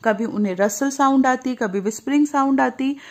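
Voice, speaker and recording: A woman's voice: high-pitched, fairly quick. A woman teacher reads an English story and explains it in Hindi, going over words patiently and calling her listeners child.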